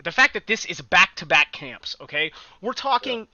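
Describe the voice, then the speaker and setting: A man's voice: high voice, very animated, normal speed, bright, forceful tone, no room sound, muffled recording. A man co-hosting a casual podcast, talking animatedly with frequent laughs and the odd swear word. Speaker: podcast co-host. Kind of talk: casual sports chat.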